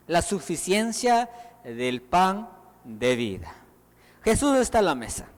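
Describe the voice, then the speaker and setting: A man from El Salvador preaching a sermon in a church, animated and acting out the voices he quotes. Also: on the high side. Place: church hall. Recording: long reverb of a church hall.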